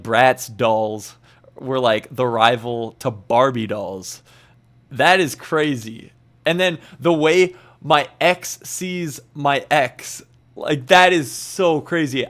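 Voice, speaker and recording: A man hosting a music reaction channel, giving casual, excitable commentary and laughing often as he gushes. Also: mid-range voice.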